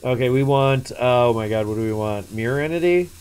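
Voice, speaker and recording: A man's voice: mid-range voice, animated, fairly quick, a little mellow, clear, resonant tone. A man live-streaming a game, chatting and commenting casually with slangy, sweary speech.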